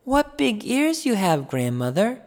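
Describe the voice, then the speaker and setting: A sweet, innocent little girl from a fairy tale, as a male narrator puts her on, answering politely in a raised, lilting voice. Her lines come slowly and carefully. The reading sits in a long, echoey reverb. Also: high voice, wildly swooping pitch, a little mellow, voice pushed up, heavily acted.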